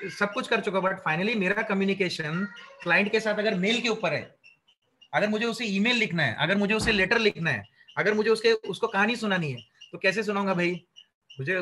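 Bright high-voiced man lecturing students. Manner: lively, rhetorical questions, mixes English into Hindi. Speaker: career trainer.

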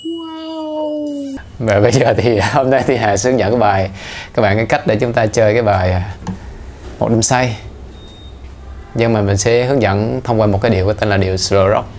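A man's voice: fairly low pitch, darkish tone, slight background noise. A man chatty guitar teacher. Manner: chatty and playful, counts beats aloud. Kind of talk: casual instructional talk. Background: guitar playing.

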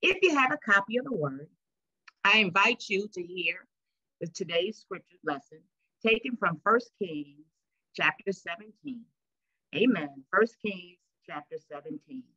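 Bright-voiced woman a sermon. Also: lowish voice, husky, no room sound, lo-fi sound. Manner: call-and-response preaching, stretches words for emphasis. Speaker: pastor. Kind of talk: sermon with scripture reading. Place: church sanctuary.

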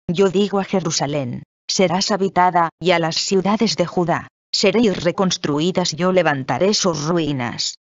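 A reader giving a measured, solemn scripted reading of a Bible passage. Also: mid-range voice, no room sound, highs cut off.

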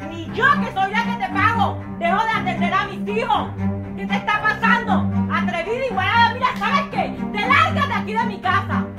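A woman's voice: very high voice, normal speed, faint music behind. A woman playing an angry mother who scolds her children's nanny in an amateur skit. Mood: furious, shouting. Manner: scolding, shouting. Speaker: employer of the nanny.

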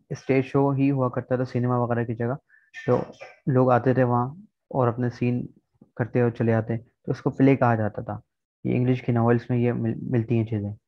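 A man teaching an online vocabulary lesson, explaining words one by one and often checking in with a quick "all right". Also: mid-range voice, no room sound. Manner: explains word by word, often checking with "theek hai". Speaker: English teacher. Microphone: video call. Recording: dull, slightly lo-fi online call recording.

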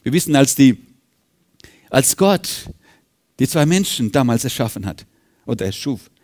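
A man preaching a sermon as pastor of a church, fervent, swinging from loud rises to hushed drops. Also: mid-range voice, big pitch swings, measured pace. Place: church service.

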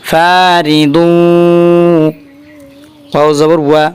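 A man's voice: on the high side, completely flat delivery, slow, smooth. A Bangladeshi man with a Bengali accent teaching Quran reading, spelling out syllables one by one and then chanting them together. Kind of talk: letter-by-letter Quran spelling lesson.

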